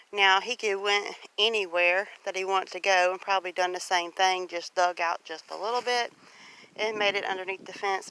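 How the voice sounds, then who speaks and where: Filming a relaxed walk-and-talk vlog on her rural homestead, this Southern-accented woman from Louisiana explains things as she goes in a chatty, folksy manner. Her voice sits in the mid range, sharp yet smooth. The handheld phone audio is poor, with no room sound but faint outdoor noise.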